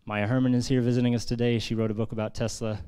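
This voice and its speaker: With a medium-pitched, dark voice that is clear and resonant, this American man talks fast and in a level tone. He's an author presenting his book in a press centre conference room, earnest and conversational, using lots of fillers.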